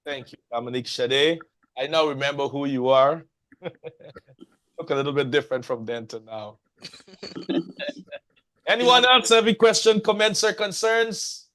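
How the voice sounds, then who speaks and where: A man's voice: a little high, expressive, measured pace, pauses often, bright, forceful tone. Man chairing a meeting, formal and welcoming. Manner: formal, welcoming, addresses people by title.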